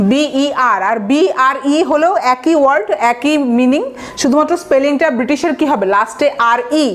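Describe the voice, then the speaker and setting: High-voiced woman teaching vocabulary. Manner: explains step by step, asks rhetorical questions; spells words out letter by letter, with fillers. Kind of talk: exam-prep lecture.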